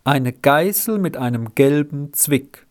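A man's voice: fairly high pitch, animated. Man doing a glum, stubborn little boy. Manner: downcast, slow.

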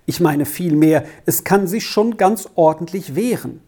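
Woman reader as agitated father: exasperated, fussy, lively and mellow. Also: fairly low pitch, unhurried, slightly rough, pitched above the performer's own voice. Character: flustered middle-aged father, easily alarmed.

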